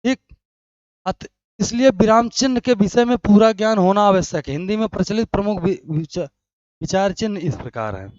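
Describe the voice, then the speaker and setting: A man's voice: sits high, animated, normal speed, darkish tone, no room sound. A man teaching a grammar lesson online, explaining step by step and asking questions that he answers himself. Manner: frequent checks of "right?" with listeners. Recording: dry, dull lo-fi sound.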